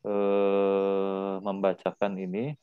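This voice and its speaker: A man's voice: low voice, monotone, very slow. Guy teaching arabic in an online class, patient, repeats stuff a lot, kinda muffled lo-fi audio. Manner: patient, repeats words for drilling.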